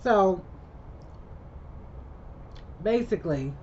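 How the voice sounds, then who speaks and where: A woman's voice: medium pitch, expressive, very slow, darkish tone. A woman casually recapping a movie for her channel, chatty and rambling, who keeps breaking in with her own reactions. The recording is a little muffled, with a faint hum underneath. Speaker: vlogger.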